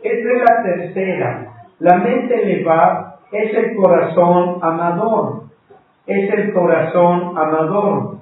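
A man's voice: sits high, takes it slowly. A man teaching a live-streamed Bible class, patiently spelling out words letter by letter and addressing listeners as brothers. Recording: echoey room, distant mic, thin phone-like sound.

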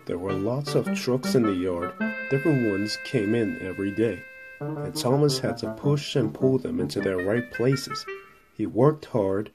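A man's voice: fairly low pitch, lively intonation, measured pace, over music. Man reading a storybook aloud. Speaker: narrator. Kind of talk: storybook narration.

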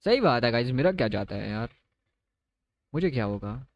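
A man's voice: mid-range voice, sing-song, normal speed, lo-fi sound, slight background noise. A man giving chatty live commentary on his game, talking straight to his viewers and mixing in English phrases. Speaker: gaming streamer.

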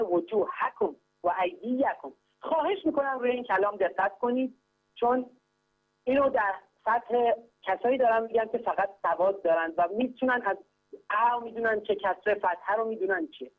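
A man calling in to teach a religious text lesson, explaining grammar patiently and step by step, repeatedly urging listeners to pay close attention. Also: very high voice. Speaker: caller teaching Quran grammar. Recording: tinny phone line with hum.

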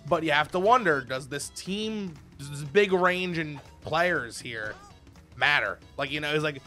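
A young man trades playful banter as a video game co-commentator. His voice is bright and sits a little high. Faint music hums underneath. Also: expressive, a little slow.

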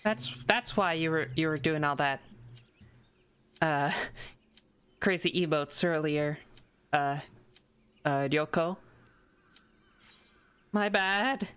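Slow, rambling woman streamer. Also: low voice, fairly bright tone, clear, resonant tone. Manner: rambling, repeats words and restarts, apologetic. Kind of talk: casual live-stream chat while gaming.

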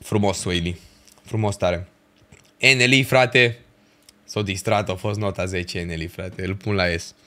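A young man, chatting casually on a livestream and ranking festival shows, full of slang and swearing. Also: low voice. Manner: animated ranting with slang and swearing.

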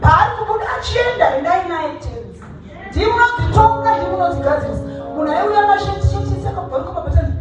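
A Zimbabwean woman evangelist delivers a forceful sermon into a pulpit microphone, her voice high and her words rapid. She sounds distant from the mic in a big echoing church hall, with loud music playing under her. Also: animated, dull audio. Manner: forceful preaching, switching between Shona and English.

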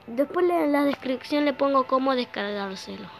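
Young Argentine woman from Rosario with a slightly high voice, chatty and offhand, a little coughy after just waking up, recorded on a phone over game music. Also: lively intonation, normal speed, creaky, low-quality recording. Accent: Argentine Spanish, Rosario. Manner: rambling, chatty, swears offhandedly. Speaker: gameplay streamer. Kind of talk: casual gameplay commentary. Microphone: phone recording app. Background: loud game music.

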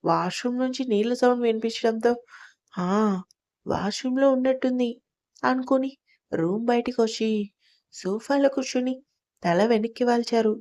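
A woman storyteller reads a domestic drama in a calm, soft and even way. Her voice is fairly high but mellow and warm. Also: normal speed. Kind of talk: scripted story narration.

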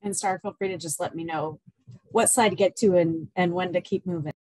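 Low-voiced woman handling screen share. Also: fairly even intonation, a little fast, a little mellow, dry recording, poor audio. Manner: casual, slightly hesitant. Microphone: video call.

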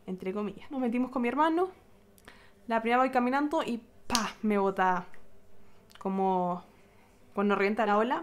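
A young woman with a Chilean accent, animatedly telling her followers a story in a casual vlog, adding sound effects and acting out what people said. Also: a little high. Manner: animated retelling with sound effects and acted-out quotes. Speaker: vlogger.

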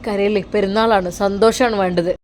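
A caring son soothes his mother in a calm, reassuring tone, as a woman voices him. His voice sits lower than hers, with faint noise behind. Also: brisk, natural voice. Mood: comforting. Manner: gently reassuring.

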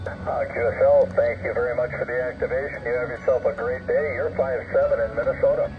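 A man's voice: mid-range voice, steady tone, brisk. Man over fading shortwave radio. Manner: clipped, spells call signs phonetically. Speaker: amateur radio operator. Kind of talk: brief radio contact exchange. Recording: tinny, static-filled shortwave radio.

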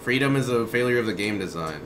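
A man giving casual comedic commentary while playing a video game, excitable, laughing often and swearing freely. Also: mid-range voice, quick pace, noisy background. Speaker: co-host of a game playthrough.

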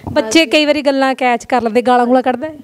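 A woman with a Punjabi accent interviews a family in a casual chat, her voice high and her questions coming fast. She teases a small boy with short, playful prompts. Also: a little hiss or hum. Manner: quick, teasing questions to a child.

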